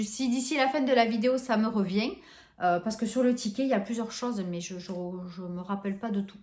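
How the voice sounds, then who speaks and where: A woman's voice: mid-range voice, darkish tone. Chatty woman in an echoey room. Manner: chatty, hesitant, many fillers and restarts; gushes over scents. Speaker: vlogger showing a shopping haul. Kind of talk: casual haul vlog chat.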